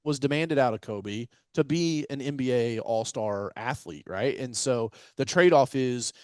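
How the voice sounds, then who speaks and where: A man's voice: medium pitch, measured pace, a little mellow, smooth, no echo. A man hosting a business podcast, talking in a loose, chatty way with lots of fillers. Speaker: podcast host. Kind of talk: casual interview chat.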